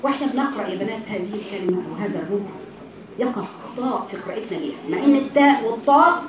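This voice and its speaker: A woman with an Egyptian Arabic accent teaching Quran recitation to a class of women. She corrects them and drills each syllable slowly. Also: medium pitch, lively intonation, reverberant, noisy background. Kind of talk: classroom lesson.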